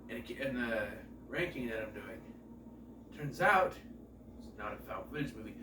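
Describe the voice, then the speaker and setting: A man in his thirties with a mid-range, animated voice talks at normal speed, nasal and stuffed up from a cold, through a casual, rambling film review. He jokes, adds asides and corrects himself, recorded in an echoey room with a distant mic and a noisy background.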